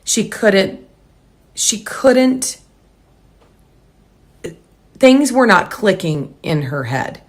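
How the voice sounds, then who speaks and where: A woman home decor blogger talking casually to camera, hurried and rambling with restarts. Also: mid-range voice, big pitch swings.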